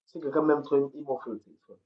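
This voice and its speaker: A woman's voice: sits low, steady tone, quick pace. A woman delivers a heated livestream rant into her phone. She repeats phrases and stammers as she pushes on, and the audio is dull and lo-fi. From Cameroon. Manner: heated, repetitive, stammers on words. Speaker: livestream host. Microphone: phone camera.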